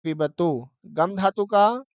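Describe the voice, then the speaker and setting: Male grammar teacher. His voice is high and clear, and his delivery is slow and deliberate. He does call-and-response drilling. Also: no room sound, lo-fi sound. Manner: call-and-response drilling, chanting verb forms slowly. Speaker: Sanskrit teacher. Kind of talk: grammar lesson.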